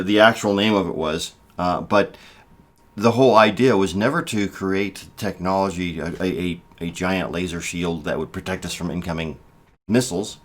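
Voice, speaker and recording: Measured man in his fifties, low voice. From United States. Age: 50s. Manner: measured, halting, with restarts and emphatic stresses. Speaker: political vlogger. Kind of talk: casual spoken commentary.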